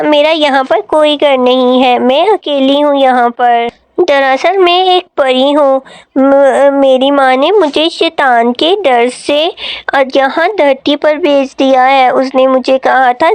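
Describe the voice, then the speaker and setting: A woman voicing a gentle, polite young fairy in a cartoon story, speaking in an earnest, pleading way. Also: sits high, dry recording. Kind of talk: Hindi cartoon story dubbing.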